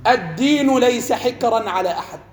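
Egyptian sheikh teaching, very high voice, echoey hall with long reverb. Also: male voice, animated, a little fast, slight background noise. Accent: Egyptian Arabic. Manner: rhetorical questions to listeners, mixes formal and colloquial. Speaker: sheikh and preacher. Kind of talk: religious lesson.

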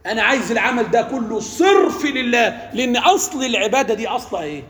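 A religious teacher from an Egyptian-accented background delivers an interactive lesson where he asks questions and the class completes his sentences. His very high-pitched voice is animated, fast and fairly bright, heard in an echoey hall with faint ambience.

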